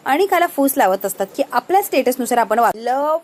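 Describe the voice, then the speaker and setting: A woman narrating a TV serial episode recap in a lively storytelling manner, voicing each character. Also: a little high, fast talker.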